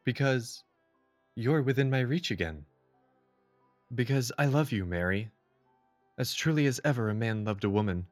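An actor playing an earnest, gentlemanly Victorian doctor in a period mystery audio drama. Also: male voice, medium pitch, lively intonation, normal speed, long pauses, no room sound, faint music behind, close to an everyday voice. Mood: tender confession.

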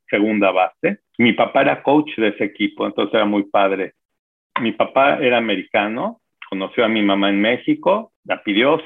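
A man in his sixties with a Mexican accent, a guest calmly telling his life story in an interview. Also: mid-range voice, vocal fry. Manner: unhurried, reflective storytelling with pauses. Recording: phone-like narrow audio with music.

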